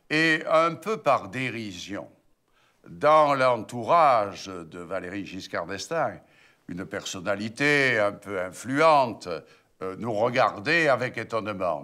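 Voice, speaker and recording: A man's voice: on the low side, fairly bright tone. An older man, a former deputy, recounting a memory in an interview with wry humour. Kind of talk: interview recollection.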